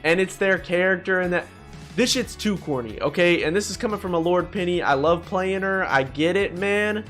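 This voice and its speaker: Faint music plays behind a young man whose high, lively voice moves at a moderate pace with a bit of brightness. Hosting a gaming video, he ranks things in a casual tier list, cursing in slang and exclaiming his opinions.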